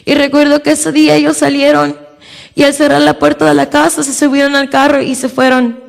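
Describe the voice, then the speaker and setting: A young woman giving a personal religious testimony, speaking slowly and haltingly with many repeated openings. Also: high-pitched, little pitch movement, creaky, big-room sound. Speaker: church member giving testimony.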